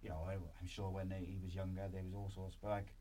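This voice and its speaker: A man's voice: low voice, level tone, fast, warm tone. A man with a Welsh accent hosting a podcast in a casual, rambling, informal way. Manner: informal, rambling, frequent filler 'like'. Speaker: podcast host. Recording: clear background noise.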